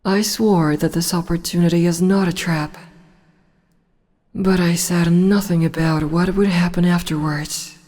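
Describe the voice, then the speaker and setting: A woman playing a slow-whispering demon empress. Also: steady tone, a little mellow, long reverb tail. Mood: coaxing. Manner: slow, low, teasing whispers. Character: commanding female demon empress, teasing and domineering. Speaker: voice actress. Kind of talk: ASMR audio roleplay.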